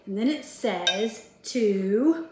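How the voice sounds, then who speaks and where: A woman's voice: mid-range voice, animated, drawn-out words, noisy background. Chatty woman cooking in an echoey kitchen. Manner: chatty, self-deprecating, talks to herself while working. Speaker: home cooking vlogger. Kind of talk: casual cooking chat to camera. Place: home kitchen, indoors. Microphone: camera across the kitchen counter. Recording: echoey kitchen with clattering dishes.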